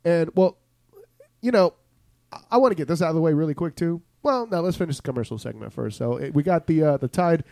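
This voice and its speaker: A man's voice: a little high, expressive, quick pace, gravelly, warm tone, no room sound. A man hosting a podcast in casual chat, rambling and joking, acting out lines from ads. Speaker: podcast host.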